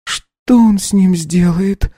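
A man voicing a terrified young countess in a high, pleading, tearful voice, audiobook style. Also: slow pace, dark tone, dry recording, studio quality. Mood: shaken.

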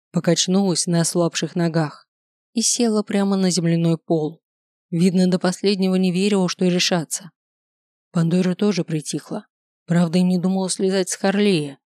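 A reader narrating a fantasy audiobook in a steady, expressive way. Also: medium pitch, no room sound, clean studio sound. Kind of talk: scripted narration.

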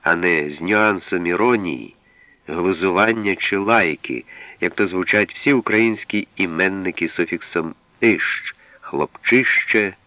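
A man with a very low voice reads from a language guide in a measured, explanatory way, pausing to set apart single words. The sound is dull and lo-fi, like an old radio recording, and very dry with no room around it. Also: no echo. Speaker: reader of a language usage guide. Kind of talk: scripted reading.

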